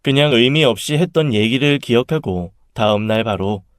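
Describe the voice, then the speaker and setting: A man telling a first-person story in a calm, confessional manner. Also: medium pitch, moderate pace, smooth, no room sound, clean studio sound. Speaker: story narrator.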